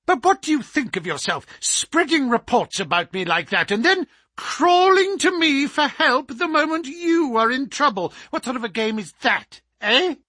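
A man's voice: extremely high pitch, lively intonation, normal speed, few pauses, bright, forceful tone, no echo, voice pushed up, exaggerated voice. A man voicing a cruel, mocking male visitor who taunts a sick man. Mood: taunting. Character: sneering, cruel middle-aged male visitor.

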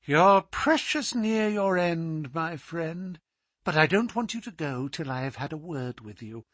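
A man's voice: fairly high pitch, lively intonation, measured pace, fairly bright tone, dry recording, studio quality, voice pushed up. Man doing a sneering, taunting villain. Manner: mocking and taunting. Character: sneering, cruel middle-aged male visitor.

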